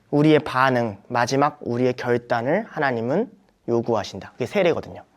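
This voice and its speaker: Young male youth preacher, Bible study lecture, very lively delivery, acts out quotes. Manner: animated, acts out quoted voices with sharp pitch jumps. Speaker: youth ministry preacher teaching teachers.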